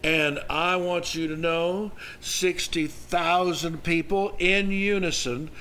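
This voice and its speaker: A middle-aged or older man, telling a story in a folksy, animated, conversational sermon with halting restarts. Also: a little high. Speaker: preacher.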